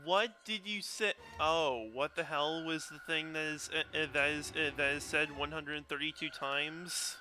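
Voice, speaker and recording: A man's voice: on the high side, fairly even intonation, unhurried, few pauses, pushed and bright. A young man co-hosting a game stream, joking around and stumbling over his words with many fillers. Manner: stammering, lots of fillers, jokey. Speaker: streamer co-host. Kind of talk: casual let's-play chat.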